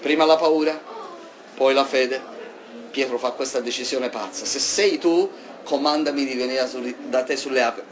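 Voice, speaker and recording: A man preaching a sermon in an animated way, swinging between loud emphasis and soft asides. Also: mid-range voice, normal speed, a little hiss or hum.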